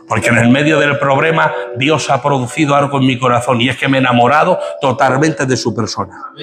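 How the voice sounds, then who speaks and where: Gravelly preaching man over music. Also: mid-range voice. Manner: preaching with rising intensity and rhetorical questions. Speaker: pastor. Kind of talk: sermon.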